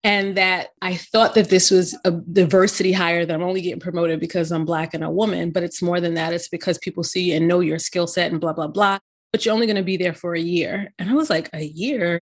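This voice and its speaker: A middle-aged woman and podcast co-host, telling a personal story in an animated, digressive way and often checking in with her listener. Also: lowish voice, brisk.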